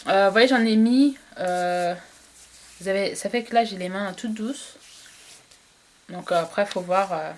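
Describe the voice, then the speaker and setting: A woman's voice: medium pitch, measured pace, pauses often, slight background noise. A woman chatting casually to camera about beauty products she bought, hesitating often with fillers and restarts. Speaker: beauty vlogger. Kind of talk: casual product haul review.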